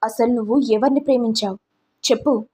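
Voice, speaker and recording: A woman's voice: a little high, fairly even intonation, brisk, mellow, breathy edge. A woman voicing a stern, proud middle-aged mother who scolds and demands answers, in a storytelling recap. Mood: scolding.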